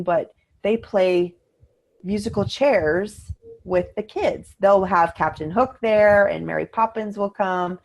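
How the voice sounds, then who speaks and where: Middle-aged woman, podcast co-host, lowish voice, casual chat, animated storytelling, quoted lines in a higher voice.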